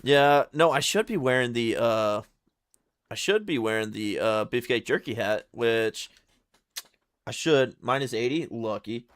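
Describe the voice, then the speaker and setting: A man's voice: medium pitch, expressive, a little slow, no echo. A man chatting casually on a live stream while he plays, laid-back and slangy, often stuttering and repeating his words. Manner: slangy, laid-back, calls viewers brother and dude.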